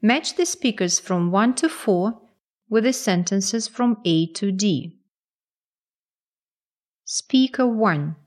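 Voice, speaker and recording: A woman reading out the instructions and item numbers for a listening exercise in a measured, neutral way. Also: mid-range voice, animated, darkish tone. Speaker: instructions narrator.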